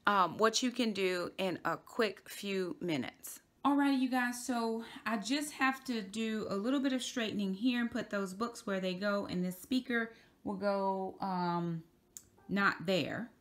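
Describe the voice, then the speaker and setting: A woman's voice: medium pitch, a bit bright. Chatty upbeat woman filming her bedroom. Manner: chatty and upbeat, drawn-out emphasis. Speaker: vlogger. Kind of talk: casual cleaning vlog. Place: bedroom in a home. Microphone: phone camera at arm's length.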